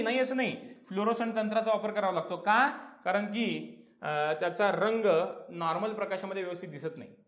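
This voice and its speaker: A high-pitched male teacher with a Marathi accent, drilling students through an exam-prep lesson. He poses questions and answers them himself, and he hammers home terms by repeating them. His voice rings in an echoey room. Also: fairly bright tone.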